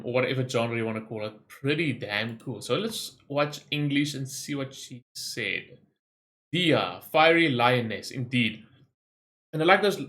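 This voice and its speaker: A man with a medium-pitched voice hosts a gaming video, delivering casual reaction commentary that is excitable and rambling.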